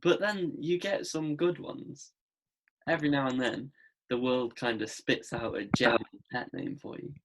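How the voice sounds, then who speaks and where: A man's voice: mid-range voice, fairly even intonation, measured pace. A man hosting a podcast in casual chat, jokey and teasing. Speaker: podcast host.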